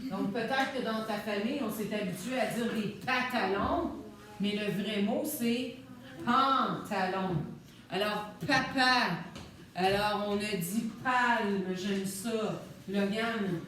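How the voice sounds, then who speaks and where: Slow-speaking teacher woman. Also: mid-range voice, fairly bright tone, a little hiss or hum. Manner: slow, deliberate, sounds out syllables. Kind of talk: phonics lesson for young children. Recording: echoey room, voice from a distance.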